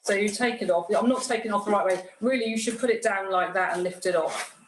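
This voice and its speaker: A woman explains things plainly in an informal hands-on demonstration. She has an average pitch, and her voice rings in a roomy, echoey space with clear noise behind it. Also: fast. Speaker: guest craftsperson demonstrating a cutting machine.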